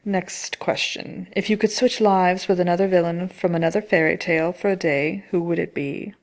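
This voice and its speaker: Wicked witch, played by a woman: gravelly, slightly low, dry self-importance and sly mischief, hosting an ASMR chat show. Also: steady tone, normal speed, a little mellow, close to an everyday voice. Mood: sly musing. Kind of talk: in-character ASMR question-and-answer chat.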